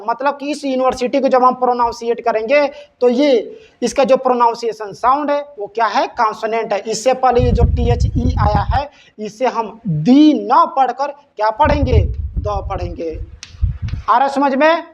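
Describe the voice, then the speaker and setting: A man's voice: very high-pitched, normal speed. A male English teacher with a Hindi accent who gives a lesson. He keeps checking in with his students and asks questions that he then answers himself. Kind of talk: classroom-style lesson. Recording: slightly dull sound with faint noise.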